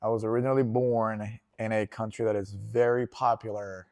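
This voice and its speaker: A man's voice: on the low side, normal speed. Easygoing man telling his life story. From Venezuela. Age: 40s. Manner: relaxed, rambling storytelling with frequent fillers and restarts. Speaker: jiu-jitsu instructor, guest. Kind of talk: casual interview.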